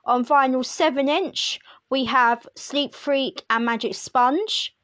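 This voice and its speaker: A woman's voice: high-pitched, takes it slowly, a bit bright, no room sound, studio quality. A woman hosting a music podcast, reading release lists in a chatty way with wry asides to the listener. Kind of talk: casual solo commentary.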